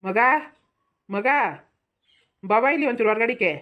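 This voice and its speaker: A woman's voice: mid-range voice, unhurried, narrow, tinny audio, close to an everyday voice. A woman doing a weary old village father-in-law. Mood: soothing. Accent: rural Mysore-region Kannada. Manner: pleading, placating, keeps saying hush.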